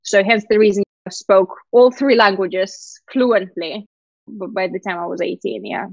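A woman in her thirties from Lithuania, whose first language is Russian, is a guest in a casual interview, recounting her story candidly with animated storytelling and frequent laughs. Her medium-pitched voice is creaky and unhurried, captured in a dry, lo-fi recording.

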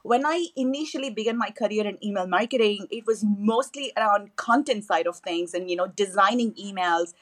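In this podcast interview, a Tamil-speaking woman from southern India talks a little fast with few pauses, her voice sitting in the mid-range. Keen and enthusiastic, she frequently fills gaps and starts her thoughts over.

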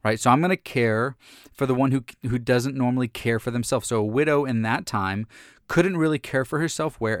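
A pastor in his thirties gives a casual faith talk in an earnest, animated way, often restarting his sentences. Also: mid-range voice, no room sound, studio quality.

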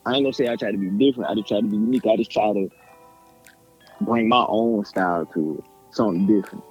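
A man's voice: lowish voice, fast, a little mellow, husky, highs cut off, soft background music. Laid-back young man with a South Carolina accent. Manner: laid-back, slangy, repeats himself. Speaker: rapper guest. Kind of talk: casual interview.

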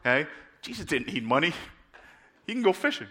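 A man preaching a casual, storytelling sermon, animated and chatty, who keeps checking in with "right?". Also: a little high, a little fast, slightly rough.

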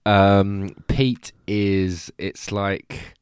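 A man's voice: fairly low pitch, little pitch movement, very slow, clean tone, no room sound. A man chatting casually as a student, answering with hesitant half-guesses and dry jokes. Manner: hesitant, jokey, trailing off mid-answer. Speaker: husband and student. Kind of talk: casual chat.

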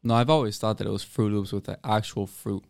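Teenage American boy, podcast host, low voice, quick rambling talk, smooth. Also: steady tone, a little mellow, no echo, clean studio sound. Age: teens. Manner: rambling, many fillers and restarts. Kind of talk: casual chat.

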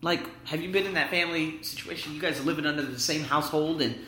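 A man in his thirties with a fairly high voice delivers an animated, rambling pep-talk as a podcast host. His words ring off the walls of a bare, echoey room at his work, so the sound is roomy and far from dry. He leans on emphatic asides and talks straight to his listeners. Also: fast talker, slight background noise. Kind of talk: motivational solo podcast monologue. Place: indoor room at his workplace. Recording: echoey room with big reverb.

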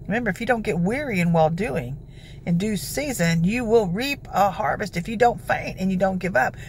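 A woman preaches in an informal, declarative way, exhorting listeners to pray. Her voice is gravelly and sits at a middling pitch. There is faint noise in the background of the recording. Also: animated, normal speed. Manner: emphatic, declarative, peppered with scripture citations. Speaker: intercessory prayer preacher.

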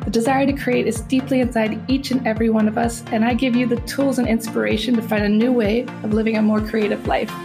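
A woman's voice: fairly high pitch, little pitch movement, quick pace, few pauses. An American woman reading a scripted podcast intro in an upbeat, promotional way. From United States. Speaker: podcast host. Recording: clear music behind voice.

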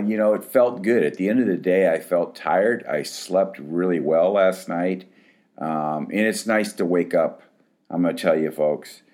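A man's voice: low-pitched, darkish tone. A man in his fifties, an addiction counselor, talking casually to his clients in a rambling, frank way full of restarts.

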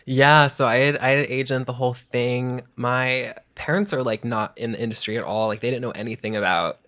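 A man in his thirties, a former child actor, chatting casually as an interview guest, rambling and animated with constant "like"s. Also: medium pitch, brisk. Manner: rambling, heavy use of "like", animated.

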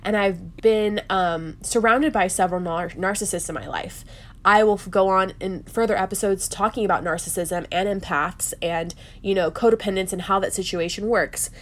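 A woman's voice: mid-range voice, moderate pace. A woman hosting a solo podcast in an earnest, confiding way, sounding nasal and stuffed up, as if under the weather. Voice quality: nasal, congested. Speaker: podcast host.

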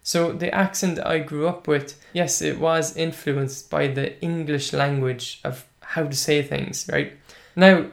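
A man's voice: fairly high pitch, fairly even intonation, slow pace, vocal fry. Irish guy, thirties, first language irish, chatty and good-humoured, talks casually to his viewers. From Ireland. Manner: chatty, good-humoured, reads out comments with asides. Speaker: language teacher and podcaster. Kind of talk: casual talk to camera.

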